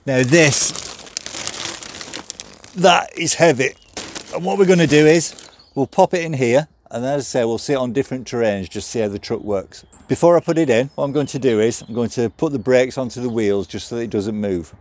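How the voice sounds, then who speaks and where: A man's voice: medium pitch, moderate pace, slight background noise. A man, reviewing a product and walking through each step as he handles it outdoors. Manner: practical, step-by-step explaining while handling the cart. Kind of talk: hands-on product demonstration. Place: outdoors on a gravel yard by a stone house.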